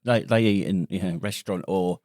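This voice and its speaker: A man's voice: sits low, steady tone, normal speed, darkish tone, no room sound, clean studio sound. A man who is an army veteran co-hosting a podcast, easygoing and steering the chat with questions. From Britain. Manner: easygoing, leads the conversation with questions. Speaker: podcast co-host. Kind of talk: casual chat.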